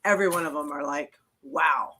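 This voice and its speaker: A woman's voice: sits low, a little fast, pushed and bright, slight background noise. A woman hosting a casual live stream, chatting and greeting viewers as they arrive. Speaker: host.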